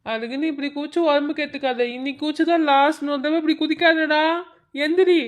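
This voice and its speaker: A woman voicing an older male village drinker in a cartoon, speaking in a Madurai Tamil accent and scolding a younger friend in a gruff, slangy and tender way. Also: high voice, steady tone, fast, close to an everyday voice.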